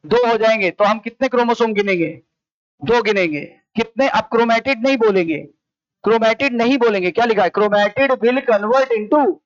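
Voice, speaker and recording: A man with an Indian accent teaches a biology class in a high voice, asking each question several times. The sound is dry and a little dull, as from a plain classroom mic. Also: dry recording. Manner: repetitive question-and-answer drilling. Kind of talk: classroom lecture. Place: coaching classroom.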